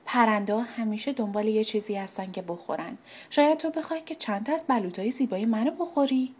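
A woman voicing a frowning, distrustful oak tree that grumbles slowly in a children's story. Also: a little high, a little mellow, breathy edge. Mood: suspicious.

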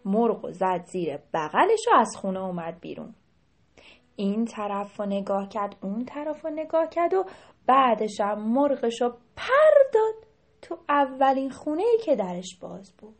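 A woman narrates a folk tale for children, stopping now and then to speak to them directly. Her voice sits fairly high and moves a lot, rising and falling with the story. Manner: lively, addresses the children directly.

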